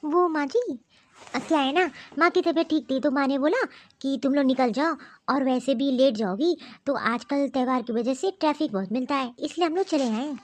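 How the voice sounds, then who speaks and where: A woman voicing a calm, reasonable elder brother who apologizes, in a cartoon story. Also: sits high, moderate pace, dry recording, natural voice. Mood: explaining. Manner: soothing, apologetic. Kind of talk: cartoon voice acting.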